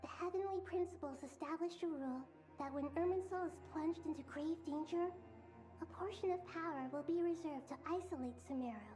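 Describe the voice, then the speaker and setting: Nahida, a high, gentle child goddess. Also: female voice, soft background music. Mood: earnest, explanatory. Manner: formal, measured, solemn. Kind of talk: video game story dialogue.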